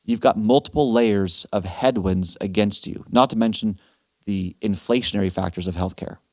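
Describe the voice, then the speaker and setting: A man's voice: lowish voice, dry recording, studio quality. Man hosting a retirement webinar. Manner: animated, quick asides and restarts. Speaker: financial planner hosting a webinar. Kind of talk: casual advice talk.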